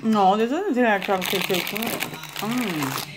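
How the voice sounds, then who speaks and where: A woman's voice: mid-range voice, moderate pace, noisy background. A woman chatting casually while chewing a snack she is tasting, humming as she savors it. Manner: relaxed, savoring food with hums. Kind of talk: casual chat. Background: music.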